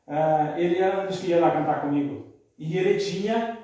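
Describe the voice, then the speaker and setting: A man's voice: fairly high pitch, normal speed, dark tone. A middle-aged man, a radio announcer and singer, telling rambling, folksy anecdotes in casual podcast conversation. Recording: echoey room, mic at a distance.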